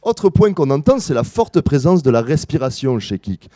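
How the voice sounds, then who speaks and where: A man giving an academic lecture to a live audience, explaining his analysis step by step, pausing with fillers and correcting himself. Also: on the high side, sing-song, dark tone, dry recording, clean studio sound. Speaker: musicology lecturer.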